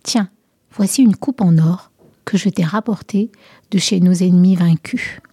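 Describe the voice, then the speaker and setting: A woman's voice: medium pitch, expressive, normal speed, no echo. Woman reading an angry warrior king. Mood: tender hushed. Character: proud returning male warrior king, angry.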